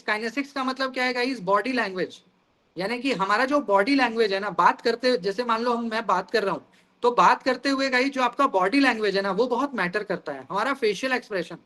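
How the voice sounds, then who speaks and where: With an extremely high pitch and a sharp tone, a man leads exam preparation online by video call. He illustrates terms through everyday examples, frequently calling his students "guys".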